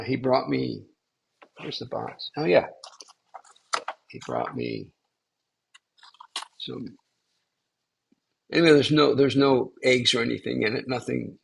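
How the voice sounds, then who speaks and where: Older male spiritual teacher, raspy and gravelly, relaxed rambling storyteller. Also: medium pitch. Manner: rambling, halting, with many restarts and fillers. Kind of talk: casual storytelling in a class.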